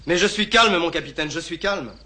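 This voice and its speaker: A nervous, agitated lieutenant. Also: male voice, fairly high pitch, fairly quick, sharp tone. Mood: tense. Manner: agitated, anxious, formal military address. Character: nervous French colonial lieutenant, out of his depth. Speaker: army lieutenant.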